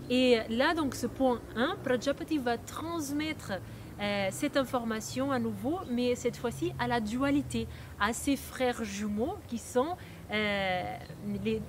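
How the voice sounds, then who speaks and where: High-voiced woman teacher with a non-native accent. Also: noisy background. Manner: patient explaining with frequent hesitations and restarts. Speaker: Ayurveda teacher. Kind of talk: explanatory lesson.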